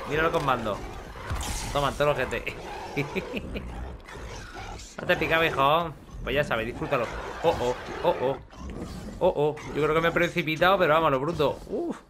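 A man giving chatty, excitable gameplay commentary with casual swearing. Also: a little high, moderate pace, pauses often, background noise. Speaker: gaming video host.

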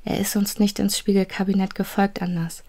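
A woman's voice: medium pitch, little pitch movement, fairly quick, a little mellow, dry recording, lightly acted. A woman voicing a brave, fiery young girl who gives urgent, bossy orders, in a storybook reading.

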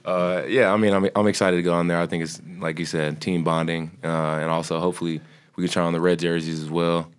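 A young college basketball player answers at a postgame press table. His voice is very deep, flat and smooth, and he hesitates often with fillers. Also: fast. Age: young adult. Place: press conference room. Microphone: table mic.

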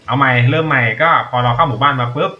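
A man's voice: mid-range voice, racing, muffled recording, soft background music. Man rambling through a game tutorial. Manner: rambling, thinks aloud, swears casually. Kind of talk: casual gameplay commentary.

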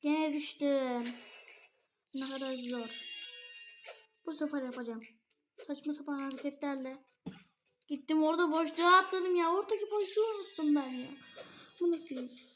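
A woman giving excitable live gameplay commentary as a channel host, full of exclamations and squeals, nervous and stumbling over her words. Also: sits high, moderate pace, long pauses, faint music behind.

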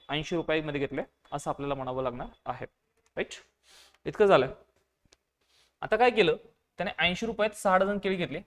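A man teaching an online math lesson in a fairly high voice. He explains patiently step by step and often says a phrase twice. He poses questions to his students and answers them himself. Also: a bit bright. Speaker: exam-prep teacher.

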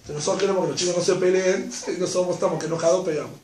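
A man with an Argentine accent teaches a class, animated and acting out quotes in a raised voice. His voice is fairly high, recorded from a distance in an echoey room with a faint hiss behind. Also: rapid-fire. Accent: Argentine Spanish. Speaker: religious teacher giving a class. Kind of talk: lively class talk to an audience. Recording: echoey room, mic far off, faint noise.

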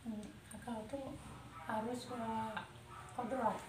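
A female language student with an Indonesian accent gives short, hesitant answers. Her voice is a bit high and flat in melody. She is heard in an echoey classroom. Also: slow. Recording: echoey room, background noise.

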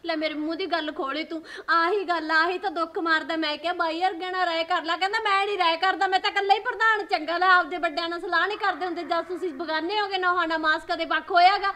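A woman's voice: extremely high pitch, steady tone, fast, hardly any pauses, pushed and bright. A woman with a rural Malwa Punjabi accent, playing a troubled village wife and mother who pours out her complaints. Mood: aggrieved. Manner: emotional, complaining outpouring. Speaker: mother worried about her daughter's marriage.

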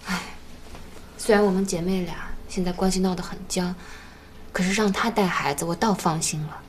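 A woman voicing a gentle, resigned young woman in a TV drama. Her voice sits a little low and quiet, with faint ambience behind her. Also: fairly even intonation, moderate pace, a little hiss or hum, close to an everyday voice. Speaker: daughter. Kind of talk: TV drama acting.

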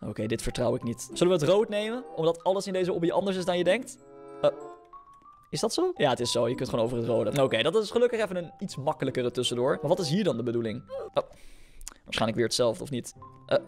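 A young man with a Dutch accent giving casual commentary on his own gameplay, chatty and reacting out loud with yelps and repeated words. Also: a little high. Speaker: gaming YouTuber. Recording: music clearly under the voice.

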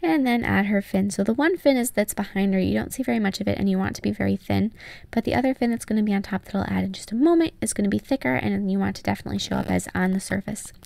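A woman's voice: mid-range voice, rapid-fire, creaky, darkish tone, dry recording. A young woman giving casual, step-by-step tutorial narration as the host. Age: young adult. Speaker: nail art tutorial host.

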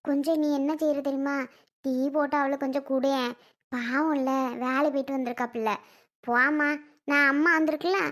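A young performer voicing a calm, patient mother-in-law who speaks softly and coaxingly in a family skit. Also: high voice. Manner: soft, coaxing, slow and patient. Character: calm older mother-in-law, gentle and soothing.

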